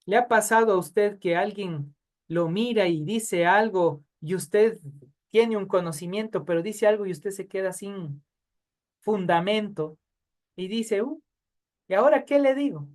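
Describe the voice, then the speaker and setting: Guy teaching bible study, takes it slow, chats and throws questions at the class. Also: sits high. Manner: conversational, asks the class questions; jokes with students by name.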